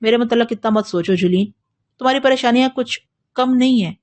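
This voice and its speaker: A woman reading an audiobook, voicing a tired young man who quietly brushes off concern for himself. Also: fairly high pitch, close to an everyday voice. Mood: weary. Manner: tired, deflecting, subdued. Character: weary, withdrawn young man.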